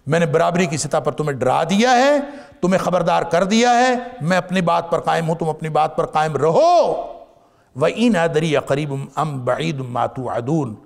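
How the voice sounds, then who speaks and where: A man teaching a Quran commentary lesson to a seated audience. He recites each verse, explains it, and swings from raised emphasis to a hush. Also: on the high side, creaky. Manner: rising emphasis then dropping to a hush.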